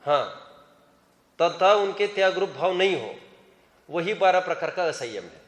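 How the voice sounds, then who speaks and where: High-voiced male scripture teacher, echoey hall. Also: animated, measured pace. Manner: questions students by name, urges hands up. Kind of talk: classroom scripture lecture.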